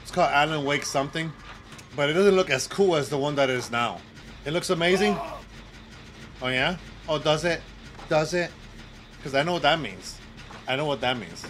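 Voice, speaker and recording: A man streaming a game, chatting casually with viewers and teammates and bursting into loud exclamations and cursing. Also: fairly high pitch, lively intonation, normal speed, long pauses, a little hiss or hum. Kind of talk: casual live gaming commentary.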